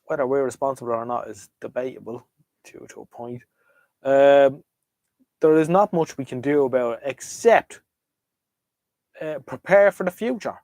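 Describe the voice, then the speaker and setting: A man's voice: medium pitch, moderate pace, pauses often, darkish tone, no room sound. Rambling Irish man in a dry room. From Ireland. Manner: hesitant, trailing off and jumping between thoughts. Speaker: livestream host chatting with viewers about vintage radios. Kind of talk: casual, rambling live chat.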